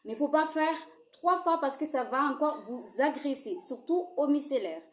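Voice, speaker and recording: A woman with a slightly raised voice walks viewers through a skincare routine in a casual, hesitant way, pausing on fillers. She speaks directly to the audience, and the sound has the ring of a bare, echoey room. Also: sits high, expressive. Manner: apologizes for her own accent. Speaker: skincare tutorial host. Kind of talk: casual how-to demonstration.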